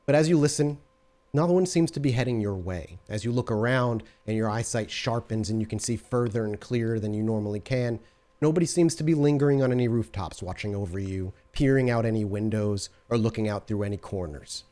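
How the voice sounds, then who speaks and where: A man with a lowish, warm voice runs a tabletop role-playing game as storyteller, speaking a little fast. He describes scenes and answers players, frequently restarting his sentences midway.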